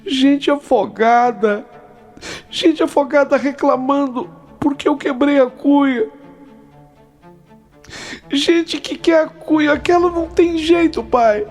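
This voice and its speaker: A man's voice: very high-pitched, takes it slowly, long pauses, soft background music, pitched above the performer's own voice, full character voice. A man voicing a frightened teenage boy who pleads for forgiveness in a spoken ghost story. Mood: anxious. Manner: pleading, frantic.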